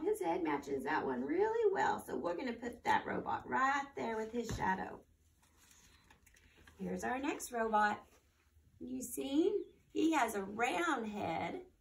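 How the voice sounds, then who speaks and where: Heard from a distance, a woman with a slightly high, gravelly voice hosts storytime at a children's library. She reads to small children and speaks to them in simple phrases, giving instructions and asking questions.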